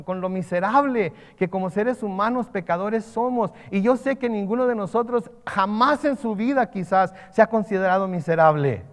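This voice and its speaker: A man's voice: high-pitched, in a large hall. A man preaching a sermon as pastor, swelling and dropping his force and repeating key phrases. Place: church sanctuary.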